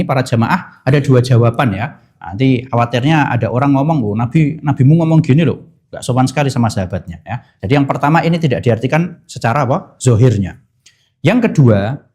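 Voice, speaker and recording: A man giving a mosque sermon. He recites Arabic slowly, translates it line by line, and puts questions to the congregation that he answers himself. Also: mid-range voice, a little mellow. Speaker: Islamic preacher. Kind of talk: mosque study-circle sermon.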